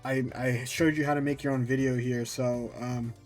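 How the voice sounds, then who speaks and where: A mid-range male voice with little pitch movement goes at a moderate pace while soft music plays underneath. The casual gameplay tutorial comes from a video maker who rambles informally and keeps teasing himself.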